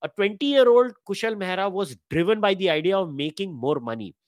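A man in his forties with an Indian English accent, hosting a podcast interview and talking quickly and animatedly, mixing in Hindi. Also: high voice, expressive, dry recording, studio quality. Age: 40s. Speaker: podcast host. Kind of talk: conversational interview.

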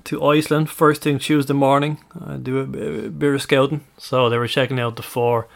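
A man with an Irish accent hosts a casual podcast, his gravelly, medium-pitched voice flat in delivery and fairly quick. He chats easily, laughs often, and corrects himself mid-sentence.

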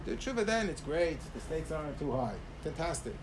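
A high-voiced man delivers a rabbi's Torah lecture. His delivery is emphatic, rising on key phrases and dropping into softer asides. There is clear noise behind the recording. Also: big pitch swings, a little fast. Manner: emphatic, swinging between raised stress and softer asides. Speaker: rabbi giving a religious talk. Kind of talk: sermon, Torah lecture with Hebrew quotations.

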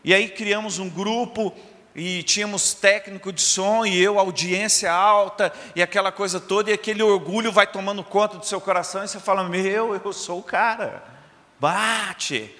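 A man gives a sermon testimony in a church service. His voice is bright and forceful, a touch higher than most men's. He tells the story dramatically, dropping to a hush and rising again, and long reverb rings around him. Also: fairly even intonation, fairly quick. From southern Minas Gerais, Brazil. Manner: dramatic storytelling, swinging from loud to hushed. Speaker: preacher giving testimony.

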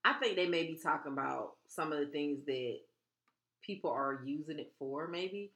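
A woman in her thirties co-hosting a podcast, chatting casually in a laid-back, drawn-out way and laughing often. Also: sits low, fairly bright tone. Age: 30s. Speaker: podcast co-host. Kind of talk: casual chat. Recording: echoey room with faint noise.

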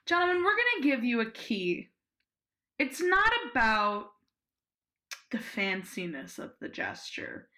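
A woman co-hosting a casual recap podcast, animated, laughing often and swearing freely. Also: a little high, measured pace, long pauses. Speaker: podcast co-host.

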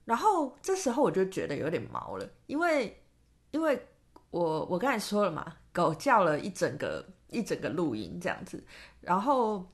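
A woman's voice: fairly low pitch, wildly swooping pitch, normal speed. A woman with a Taiwanese Mandarin accent hosting a solo podcast, chatting casually and rambling with many fillers and restarts. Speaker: podcast host and tarot reader.

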